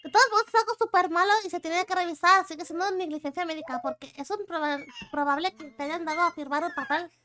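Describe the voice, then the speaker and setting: Very high, bright-voiced Spanish streamer woman. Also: fast, few pauses. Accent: Spain Spanish. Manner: chatty, reacting to chat and reading messages aloud. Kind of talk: casual live-stream chat.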